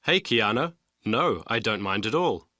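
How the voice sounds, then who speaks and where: A man's voice: lowish voice, lively intonation, measured pace, pushed and bright, dry recording, clean studio sound. A man playing a patient university professor who explains things in a stilted, scripted textbook dialogue. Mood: patient, helpful.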